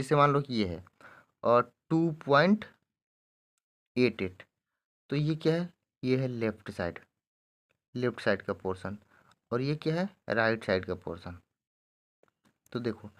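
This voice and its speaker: A man teaching a maths lesson, explaining each step slowly and often checking in with his students. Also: mid-range voice. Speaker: math teacher.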